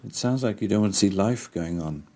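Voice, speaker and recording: Deep-voiced male interviewer, gently probing. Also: a little fast. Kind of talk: documentary interview.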